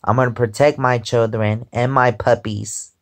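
A man's voice: mid-range voice, fairly even intonation, normal speed. A man of twenty-five chatting casually in a rambling way, often repeating "because, um", while lying in bed at home and filming on a phone held close. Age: 20s. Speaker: vlogger. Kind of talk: casual chat. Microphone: phone held close above face.

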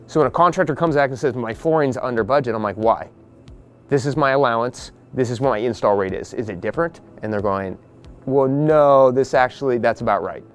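A man with a smooth, medium-pitched voice, faint music behind him, shows a group the house he's flipping from its outdoor porch. As a real estate investor explaining on site, he is casual, blunt and practical, peppering in fast quotes from others.

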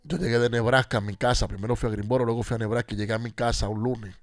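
Male pastor, radio testimony, gravelly, animated, acts out each line of dialogue. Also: medium pitch, rapid-fire, no room sound, studio quality, soft background music. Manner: animated storyteller acting out dialogue. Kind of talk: personal testimony on a radio show.

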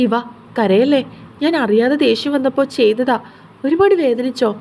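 A woman's voice: sits high, moderate pace, a little mellow, slight background noise. A woman reading the lines of an obsessive young man who pleads and turns menacing. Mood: coaxing. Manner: pleading, possessive, then menacing.

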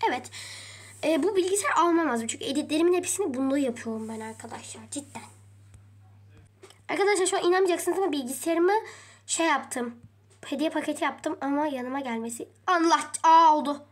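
High-pitched woman, chatty game role-play vlogger, talks straight to viewers. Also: animated, brisk. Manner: chatty, addresses viewers often, mild swearing. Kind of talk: narrating a pretend trip vlog in a game.

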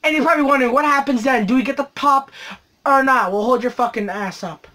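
Profane ranting woman, fairly high voice. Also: fast. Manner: profane, sarcastic, swings from loud outbursts to mutters. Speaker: vlogger. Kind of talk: ranting casual vlog.

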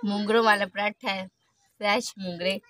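A woman's voice: medium pitch, steady tone, normal speed, pushed and bright, a little hiss or hum. A young woman from Pakistan chatting casually in a cooking vlog, laughing often, filmed in a rural courtyard on a camera mic. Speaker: vlogger. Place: rural courtyard, outdoors and in a brick kitchen.

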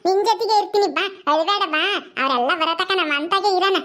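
A simple, childlike village woman, as a woman puts her on, with a very high, thin voice. She talks slowly and soothingly and repeats herself as she comforts someone. This is a homespun village comedy skit. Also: fairly bright tone. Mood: soothing, pleading.

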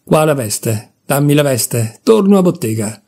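A man's voice: fairly high pitch, animated, a little slow, dark tone. A man reading aloud voices a sick young woman, bedridden and desperate, in terse outbursts.

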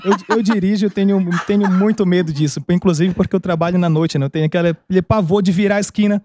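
Man, studio dj, fast talk, dark mellow tone. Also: high-pitched, slight background noise. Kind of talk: casual chat.

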